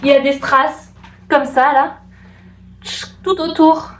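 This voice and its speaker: Bubbly young french woman vlogging at home, kinda high voice, rambles and gushes, roomy echo. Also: a little slow. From France. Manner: bubbly, gushing, repeats herself excitedly. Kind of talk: casual vlog chat. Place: room at home. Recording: echoey room, faint background hiss.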